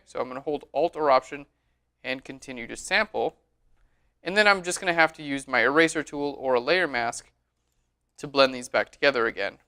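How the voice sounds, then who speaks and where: A man giving a relaxed, chatty screen-recorded tutorial on photo editing, often saying "all right". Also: mid-range voice.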